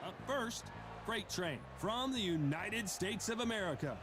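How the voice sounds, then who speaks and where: An actor playing an energetic male TV boxing announcer, calling the action in excited play-by-play. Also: sits high, measured pace. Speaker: boxing commentator. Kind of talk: excited play-by-play sports commentary. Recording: loud arena crowd noise. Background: roaring crowd, arena ambience.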